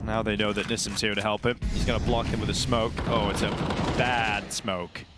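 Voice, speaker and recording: A man working as an esports caster, giving excitable live play-by-play and banter with incredulous, exclamatory reactions. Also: fairly low pitch, moderate pace, loud music behind the voice.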